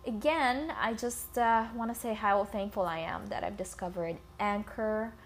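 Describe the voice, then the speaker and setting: A woman's voice: mid-range voice, a little slow, slight background noise. A woman from the Philippines hosting a casual, informal solo podcast, recorded on a phone with scratching in the background. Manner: informal, swearing, addresses listeners as guys. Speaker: podcast host. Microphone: iPhone.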